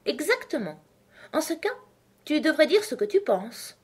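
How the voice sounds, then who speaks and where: Squeaky, humble storybook March Hare, put on by a woman reading aloud. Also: very animated, normal speed. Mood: plaintive. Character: male March Hare, meek and mournful.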